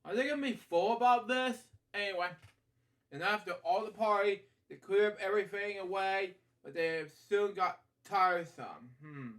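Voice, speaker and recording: Reading a picture book aloud as a bedtime storyteller, a man with a distinctly high, slightly bright voice keeps drifting off the story into casual asides before coming back. His delivery is halting and rambling, with frequent digressions.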